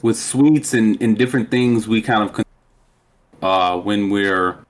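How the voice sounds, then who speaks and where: A man chatting casually on a livestream, halting and full of fillers, with his audio glitching and cutting out. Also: fairly low pitch. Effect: glitching audio that keeps cutting out. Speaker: podcast co-host.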